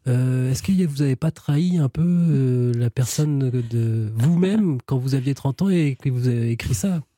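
Radio book show host guy, brisk questions, mellow slightly husky voice. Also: medium pitch, no room sound, clean studio sound. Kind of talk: radio interview.

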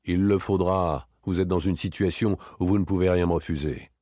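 A man doing a stern former inspector, low, husky, dry, hard, precise. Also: steady tone, moderate pace, dark tone, no echo. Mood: menacing. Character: cold, relentless male former police inspector.

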